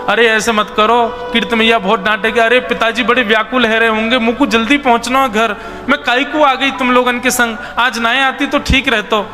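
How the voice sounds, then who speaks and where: A man's voice: extremely high pitch, flat delivery. A man voicing a fretful young village girl eager to get home, with a Braj accent. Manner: fretful, hurried. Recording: reverberant hall with music behind.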